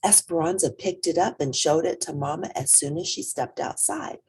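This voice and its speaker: A woman with a low voice reads a picture book for children at a moderate pace. Her reading is theatrical and lively, with a husky, breathy quality that becomes whispery and draws out selected words.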